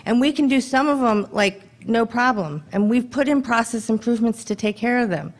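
A woman in her thirties giving a conference talk at a podium microphone in a dim hall, brisk and conversational, throwing rhetorical questions to the audience. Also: fairly high pitch. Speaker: government contracting presenter. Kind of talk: conference presentation.

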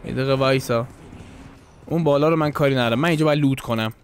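A man's voice: mid-range voice, a little hiss or hum. A young man hosting a gaming channel, giving casual commentary over gameplay in a playful, teasing, joking way.

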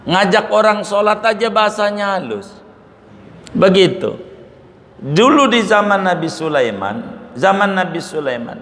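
A middle-aged male Islamic preacher, telling stories in a lively, colloquial sermon and acting out the dialogue. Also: high-pitched. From Banten, Indonesia. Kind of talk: sermon with storytelling. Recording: echoey hall with faint noise.

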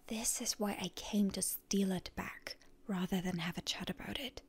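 Whispering breathily, a woman voices a wounded, proud heroine who meets her enemy with suspicion and defiance in an ASMR roleplay. Her medium-pitched voice stays steady and a little slow, carrying a defiant, hurt mood.

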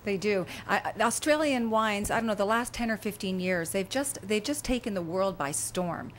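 A woman's voice: mid-range voice, moderate pace, a little hiss or hum. A Canadian woman co-hosting a talk show, bubbly and laughing often. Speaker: co-host.

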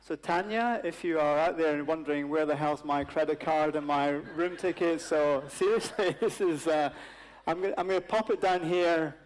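A man's voice: a little high, normal speed, poor audio. A man in his fifties moderating a live panel on a conference stage, chatty, with many fillers and joking asides. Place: large stage at a conference hall.

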